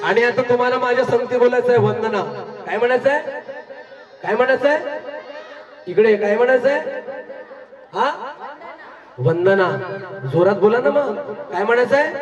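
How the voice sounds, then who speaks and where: A very high-voiced man leads a live crowd, commanding and rousing them between half-sung lines. He is heard from a distance in an echoey space, over loud music. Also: normal speed, pauses often, muffled recording. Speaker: singer leading a live stage program. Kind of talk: live stage song and crowd call-outs. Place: large live event with crowd.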